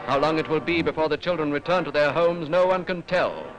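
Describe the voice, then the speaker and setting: A man's voice: a little high, fairly quick, low-quality recording. A British man narrating a 1940s newsreel in a formal, declamatory manner, on an old film soundtrack. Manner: formal, rhetorical, declamatory delivery.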